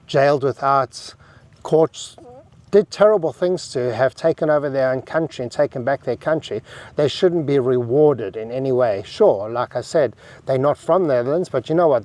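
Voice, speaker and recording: A South African vlogger in his fifties, speaking with a South African English accent, delivers a blunt, rambling opinion piece to camera. His mid-range voice is a little mellow.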